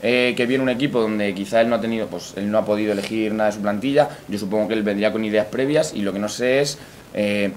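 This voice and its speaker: A man speaks fast and a bit hesitantly, filling pauses as he thinks aloud, at a table mic in a restaurant dining room. Faint room noise sits behind him. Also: on the low side. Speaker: football coach. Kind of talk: casual panel discussion.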